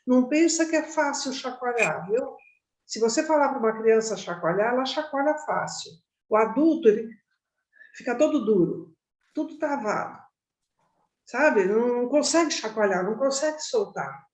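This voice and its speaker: A woman leads a meditation class, her voice sitting a little high for a woman. She talks in a loose, chatty way and keeps checking in with her listeners. The room around her sounds roomy and echoey. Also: lively intonation, normal speed. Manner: conversational, frequent tag questions. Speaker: meditation teacher. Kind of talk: informal class talk. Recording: roomy echo.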